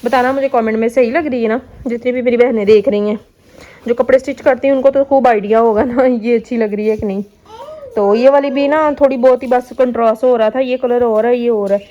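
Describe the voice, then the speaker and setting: A woman's voice: a little high, fairly even intonation, brisk, dark tone, highs cut off. Chatty woman vlogging at home. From Pakistan. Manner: chatty, addresses viewers as sisters, coos to her children. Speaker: family vlogger. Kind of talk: casual home vlog talk to viewers. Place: home kitchen and rooms.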